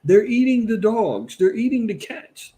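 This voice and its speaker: A man with a somewhat high voice hosts a commentary show, rambling through casual reaction commentary. He's animated and emphatic yet unhurried, full of repeats and fillers.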